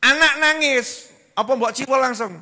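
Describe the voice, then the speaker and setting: A man's voice: very high voice, moderate pace, pushed and bright. A man with a Javanese accent preaching a sermon, acting out little scenes and asking the crowd questions. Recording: long reverb of a hall.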